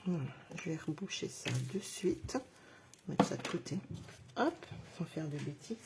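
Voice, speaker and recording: A woman's voice: sits low, lively intonation, moderate pace, heavy background noise. A middle-aged woman giving a live craft demonstration, chatting through each step and talking straight to her viewers. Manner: chatty, narrates each step while working; addresses viewers directly, self-encouraging.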